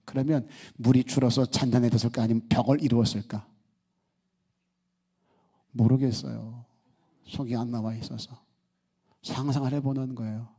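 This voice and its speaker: Warm, husky-voiced male pastor preaching. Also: medium pitch. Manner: conversational, asking the congregation many rhetorical questions; acts out quoted speech in the story. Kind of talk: sermon.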